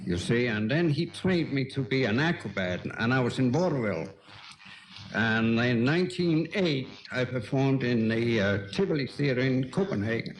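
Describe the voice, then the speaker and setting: An older man from Denmark with a Danish accent, a guest painter telling unhurried, chuckling anecdotes in a casual talk-show chat. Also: mid-range voice, lively intonation, a little hiss or hum, rough recording.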